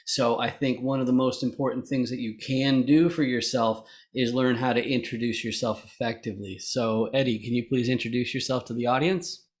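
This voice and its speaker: A man's voice: medium pitch, fairly even intonation, a little fast. Chatty man hosting a video interview. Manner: chatty, explains at length with many fillers. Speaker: podcast host interviewing investors.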